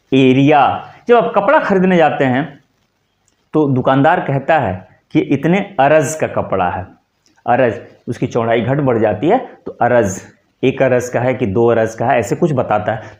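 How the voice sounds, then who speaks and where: A man teaching Hindi in an online lesson, drawing out and repeating words as he explains them. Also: medium pitch. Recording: echoey room, dull lo-fi sound.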